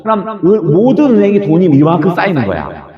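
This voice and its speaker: A man lecturing exam students, his voice high and swooping up and down as he throws out question after question and chuckles along. The sound is dull and lo-fi. Echo from the room hangs around his words. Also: a crowd in the background. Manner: lively, fires rhetorical questions, acts out quick dialogues, chuckles often. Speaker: Korean language exam lecturer. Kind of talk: classroom lecture.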